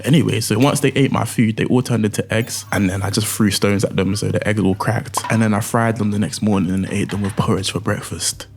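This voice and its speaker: A man's voice: lowish voice, fairly even intonation, a little fast, creaky, few pauses. A young man, cooking in a home kitchen and chatting in a playful, jokey, slangy way. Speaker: cooking vlogger. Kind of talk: casual cooking vlog.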